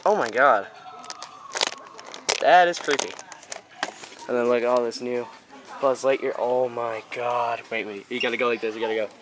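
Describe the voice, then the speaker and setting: A teenage boy chatting excitedly while filming a vlog on a handheld camera, outdoors and in a store. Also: mid-range voice. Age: teens. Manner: excitable, quick exclamations. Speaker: vlogger. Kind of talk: casual vlog chat. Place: outdoor parking lot and big toy store. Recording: noisy handheld camera audio.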